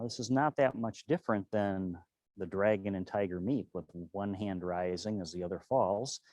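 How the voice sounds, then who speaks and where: A man teaching tai chi and qigong, calmly and serenely cueing each movement step by step. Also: lowish voice, no echo. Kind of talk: tutorial movement cues.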